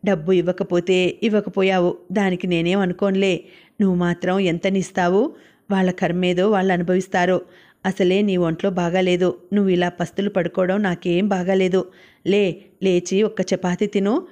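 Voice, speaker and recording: A woman's voice: fairly low pitch, flat delivery, normal speed, darkish tone, natural voice. A woman voicing a coaxing older mother-in-law. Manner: coaxing, affectionate.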